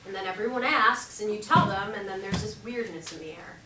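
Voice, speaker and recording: An actress on stage playing a blunt, wry young pregnant woman who is quick to tease. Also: medium pitch, lightly acted. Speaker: stage actor. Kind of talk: stage play performance. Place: theater stage. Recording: echoey room, far-off mic, noisy.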